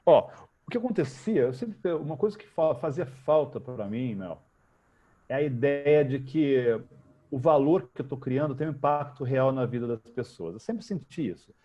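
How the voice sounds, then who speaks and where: A man with a Brazilian Portuguese accent, a guest telling lively, slangy anecdotes in a casual interview. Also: medium pitch, moderate pace. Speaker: guest, futurist.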